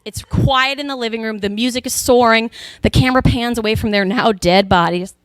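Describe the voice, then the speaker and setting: A young woman from Texas doing a stand-up comedy routine, telling animated stories and slipping into character voices. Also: fairly high pitch, a little fast, dry recording.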